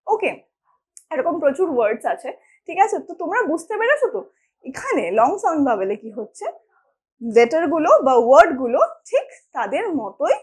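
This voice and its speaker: Lively high-voiced woman teaching English. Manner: explains patiently, often checking in with the learners. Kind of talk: spoken English lesson for Bengali speakers.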